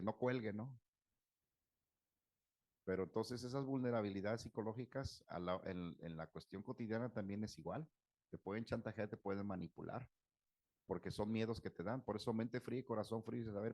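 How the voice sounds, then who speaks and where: A man's voice: fairly low pitch, darkish tone, no echo. A Mexican man giving a casual talk on fear, telling anecdotes and acting out the dialogue in them. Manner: storytelling, acts out dialogue with shifting voices.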